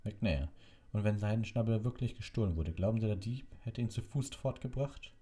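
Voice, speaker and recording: A man voicing an old male headmaster who speaks calmly with amused, gently ironic courtesy. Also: medium pitch, moderate pace, voice pushed up, natural voice.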